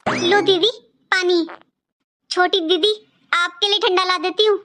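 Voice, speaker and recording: A very high, whiny sister-in-law from a family cartoon, as a woman plays her. She sounds sugary on the surface, complains without end and is passive-aggressive throughout. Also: steady tone, measured pace, noisy background. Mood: complaining. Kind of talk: cartoon voice acting.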